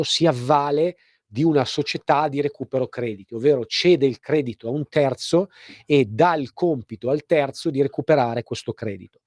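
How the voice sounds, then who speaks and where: A man hosting a live call-in radio show, explaining things informally with hesitant, pause-filled phrasing. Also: medium pitch, mellow, no echo, clean studio sound. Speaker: radio host and legal advice presenter.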